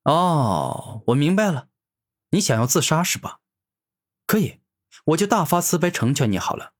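A man voicing a cocky young male hero who taunts his enemy, with a husky voice. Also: on the low side, very animated, moderate pace. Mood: mocking. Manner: taunting, sneering.

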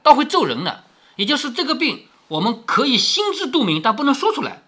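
A male storyteller reads a classic novel and pauses often to explain it in a chatty way. His voice is bright and a little husky, with a lively, rising and falling pitch. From southern Jiangsu, China. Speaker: father reading a novel aloud to his daughter. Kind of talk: storytelling with commentary.

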